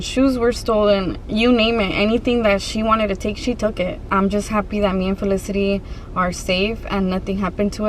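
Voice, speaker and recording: A woman vlogger telling a personal story to her viewers in a casual, conversational way, pausing and restarting as she goes. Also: mid-range voice, slight background noise, poor audio.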